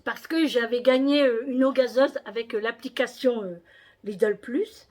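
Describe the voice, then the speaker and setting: A woman's voice: a little high, measured pace, darkish tone. A woman vlogger chatting casually about her shopping haul, with many hesitations and repeated words.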